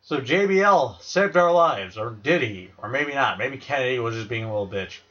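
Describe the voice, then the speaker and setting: A man's voice: medium pitch, lively intonation, normal speed, fairly bright tone, muffled recording. A man giving rambling, profane, sarcastic commentary while playing a video game. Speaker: let's play gamer. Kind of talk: casual crude gameplay commentary.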